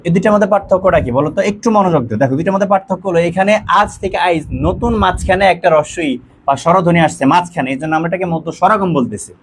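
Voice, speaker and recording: A man's voice: sits high, slight background noise. A young man teaching a live online grammar lesson, speaking with a sore throat and cold and often checking that students follow. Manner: fast, repetitive checking-in with students. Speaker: online admission coaching teacher.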